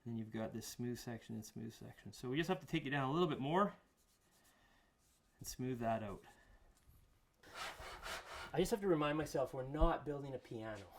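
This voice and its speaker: In his workshop, a woodworking instructor gives a casual tutorial, talking easily and relaxed while he files and sands. His medium-pitched voice moves at a moderate pace with frequent pauses, and workshop noise runs beneath it.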